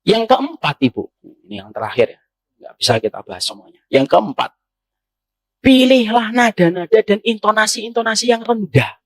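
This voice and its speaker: A male Islamic preacher giving a sermon to women, speaking to them directly, asking them questions and moving between low, calm passages and raised, emphatic ones. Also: moderate pace, dry recording. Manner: addresses audience directly, asks them questions. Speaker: ustadz preacher.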